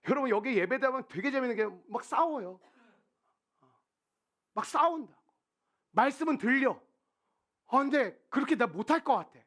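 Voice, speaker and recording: Pastor, man, high and very lively voice, chatty sermon delivery that acts out scenes. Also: normal speed, pauses often. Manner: conversational, animated, acts out quotes. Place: church sanctuary.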